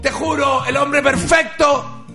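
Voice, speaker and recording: A man mimicking a tipsy, gushing woman fan in a high, shrill voice, music behind. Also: steady tone, slow, sharp tone, exaggerated voice.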